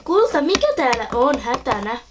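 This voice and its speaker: A woman's voice: sits high, big pitch swings, noisy background. A woman voicing a fussing, motherly middle-aged pet toy mom in a homemade toy video.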